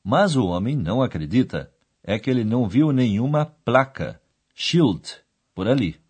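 A man hosting a radio language course, explaining clearly in a didactic, scripted narration. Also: medium pitch, sing-song, measured pace, a little mellow.

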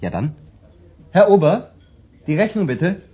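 A man's voice: sits high, very animated, slow, warm tone, breathy edge, full character voice. A man voicing a polite male restaurant guest ordering food in a language-course dialogue. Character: polite male guest, embarrassed by his inner voice.

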